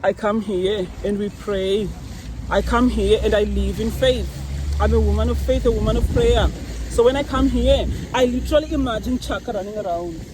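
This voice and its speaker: An earnest woman speaks from the heart about her faith while standing beside a park fountain. Her recording is noisy, with running water and outdoor ambience clearly heard around her voice. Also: medium pitch, moderate pace. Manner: earnest, tearful-tinged, faith-filled testimony. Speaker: vlogger. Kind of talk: emotional personal monologue.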